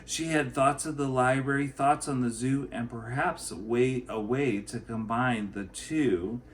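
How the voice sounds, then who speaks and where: A male teacher reads a children's picture book aloud, telling the story expressively. His voice is mid-range and a little slow, with slight background noise.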